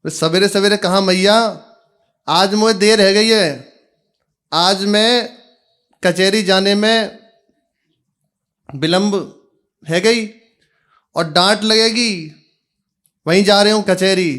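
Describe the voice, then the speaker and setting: Man voicing a fed-up young braj cowherd, high voice, says everything twice and slow. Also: smooth. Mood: exasperated pleading. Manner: shouting slowly to be heard, repeating words. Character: young cowherd son, patient and exasperated.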